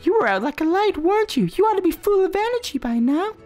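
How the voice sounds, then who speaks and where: A man reading aloud the lines of a cheerful mother welcoming her son home, in a bright, sing-song way. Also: very high voice, big pitch swings, fast, soft background music, voice pushed up. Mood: cheery.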